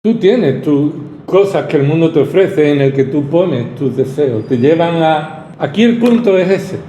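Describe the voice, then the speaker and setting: A man's voice: on the high side, lively intonation, measured pace, mellow, reverberant, a little hiss or hum. A male pastor from preaching a sermon, pressing his points with rhetorical questions and repetition. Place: church hall.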